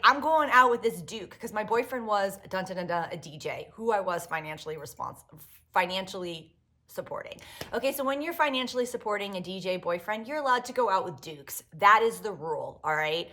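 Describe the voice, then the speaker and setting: A woman hosting a podcast tells stories in a loose, casual monologue. Her voice is bright and swoops through a wide range of pitch. She swears freely and mocks herself with humor. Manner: animated, profane, self-mocking humor. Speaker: podcast host.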